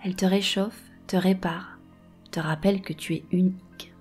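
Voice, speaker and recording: A woman guiding a meditation softly and slowly, close in your ear, with a breathy voice that often slips toward a whisper. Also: lowish voice, steady tone, soft background music. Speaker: meditation and hypnosis guide. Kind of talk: guided meditation, soft and slow.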